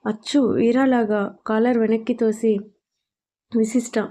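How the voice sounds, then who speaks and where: A woman narrating a serialized love story in a gentle, steady storybook reading style. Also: on the high side, unhurried.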